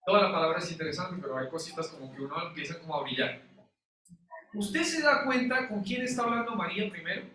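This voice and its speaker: A male pastor preaches to his congregation, asking them questions in an animated way. His high voice comes across bright and forceful. He is recorded from a distance, and the church hall around him echoes heavily. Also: fast talker, a little hiss or hum. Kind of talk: sermon. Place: church sanctuary.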